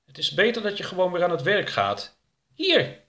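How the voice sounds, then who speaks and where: A man's voice: high voice, wildly swooping pitch, moderate pace, fairly bright tone, pitched above the performer's own voice, heavily acted. A man voicing a stern, lecturing male activist. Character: stern, pious middle-aged male activist.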